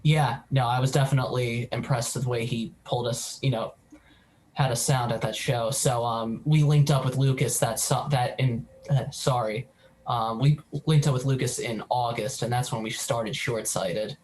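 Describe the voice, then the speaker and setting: A man's voice: medium pitch, fairly even intonation, normal speed, darkish tone, a little hiss or hum. A young man in his twenties, a guitarist, telling a story casually in an interview with frequent ums. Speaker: band guitarist.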